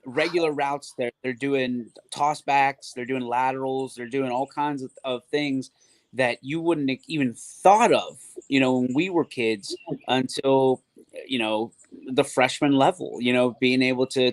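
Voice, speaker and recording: A man joining a sports radio show as a guest, talking casually with animated, rambling storytelling. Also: mid-range voice, no room sound.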